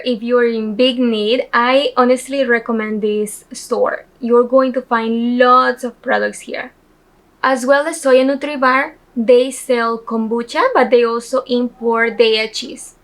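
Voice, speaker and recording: A woman's voice: on the high side, fairly bright tone. Upbeat woman hosting a travel vlog. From El Salvador. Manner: upbeat, chatty, direct to camera. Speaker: vlog host. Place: indoor room on a couch. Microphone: camera in front of her; handheld phone at arm's length while walking.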